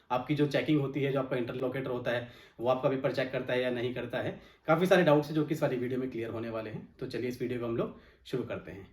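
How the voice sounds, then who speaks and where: A man from India with an Indian accent, hosting his channel and explaining exam tips step by step in a steady instructive lesson. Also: medium pitch, echoey room, far from the mic. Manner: steady instructive, lists points one after another. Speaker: channel host and exam coach.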